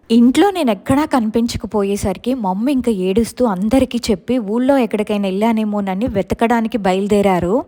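A woman narrating a viewer's real ghost experience in the first person as a storytelling channel host, slowing for the scary parts. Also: fairly high pitch, darkish tone.

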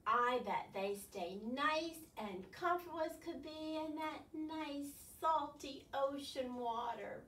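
A librarian in her sixties leads a storytime for young children, full of exaggerated wonder and coaxing questions. Her voice sits high and fairly bright, moving slowly with hardly any pauses. A distant camera mic picks her up in a roomy space with faint noise.

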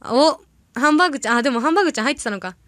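A young woman chatting casually on a livestream, reading viewer comments aloud and telling rambling stories with quick reactions. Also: high voice, expressive, a bit bright, no room sound, studio quality. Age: young adult. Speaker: idol audition candidate livestreaming.

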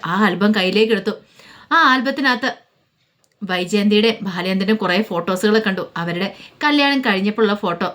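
A woman narrates a family drama as a daily storyteller. Her telling is plain and conversational, with an even middle voice. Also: mid-range voice.

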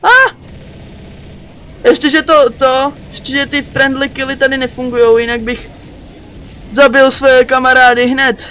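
A man's voice: very high voice, steady tone, long pauses, sharp tone, a little hiss or hum. A teenage boy from Czechia giving let's play commentary, jumpy, yelping and cursing at enemies. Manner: jumpy, yelps and curses at enemies. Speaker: gaming channel host.

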